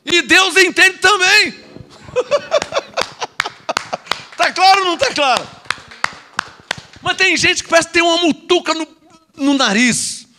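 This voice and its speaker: A man's voice: very high voice, normal speed, long pauses, pushed and bright, a little hiss or hum. A man with a Brazilian Portuguese accent preaching a sermon as an apostle, scolding and sarcastic, with mocking asides and repeated words.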